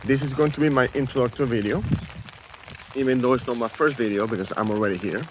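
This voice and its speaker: A man's voice: mid-range voice, quick pace. A man raised in Venezuela chatting casually as a travel vlogger, rambling with many fillers and restarts, filming himself outdoors on a handheld camera under an umbrella. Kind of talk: casual walking vlog. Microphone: handheld camera held close. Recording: rain noise on outdoor camera mic. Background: rain falling.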